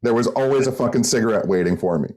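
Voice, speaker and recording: A man's voice: mid-range voice, fast, darkish tone. A man hosting a podcast in casual chat, candid and swearing offhandedly. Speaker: podcast host.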